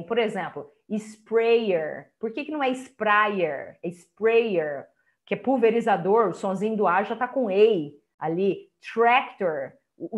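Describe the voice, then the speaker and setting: A Brazilian Portuguese-speaking woman giving an online lecture as an English teacher, explaining step by step and checking in with listeners. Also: mid-range voice. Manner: explanatory, chatty, many checking tags like "tá?" and "ó".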